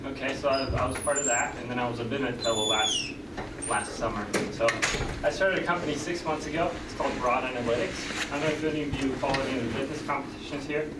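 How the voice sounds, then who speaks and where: Loud background noise fills this distant, roomy classroom recording of a young Finnish man announcing something to his class. He's winded but upbeat, speaking quickly at a medium pitch and using many fillers.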